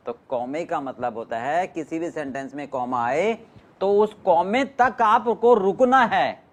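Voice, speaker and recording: A man lecturing a class in an animated, emphatic way. His pitch swings widely as he stresses key words and keeps checking whether his students follow. He sounds like a teacher in the middle of a lesson. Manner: lively, emphatic, questions the class often.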